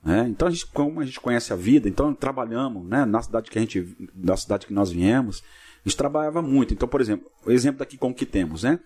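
A man, a pastor guest on a podcast, telling a long story in a casual interview, lively and acting out what people said. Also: mid-range voice, slightly rough. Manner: fast, vivid storyteller acting out dialogue.

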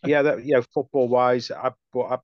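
A middle-aged man with a Stoke accent chatting casually as an interview guest, speaking haltingly and repeating words, on slightly dull audio. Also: mid-range voice, little pitch movement, no room sound. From Stoke, England. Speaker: podcast guest, football writer.

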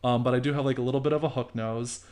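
A man's voice: medium pitch, rapid-fire, a crowd in the background. A man with a nasal voice, talking bluntly and swearing freely as a podcast co-host in casual chat. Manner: blunt, swears freely, animated when telling stories. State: recovering from illness.

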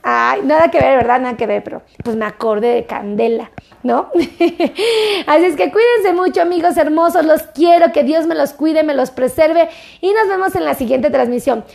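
High-voiced effusive woman. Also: fairly quick, vocal fry, darkish tone. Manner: effusive, affectionate greetings. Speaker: doctor hosting a live stream. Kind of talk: reading viewer comments on a live stream.

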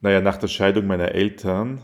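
Speaking briskly in a low, steady voice, a young man from Austria responds to casual interview questions. He stays thoughtful yet hesitant, leaning on fillers and frequent restarts.

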